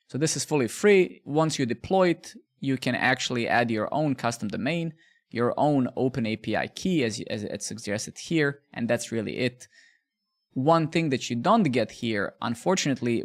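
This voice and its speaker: This Bosnian live coding streamer talks viewers through his work in a relaxed, chatty way, his voice gravelly and mid-pitched for a man. He often restarts phrases while thinking aloud and responding to questions.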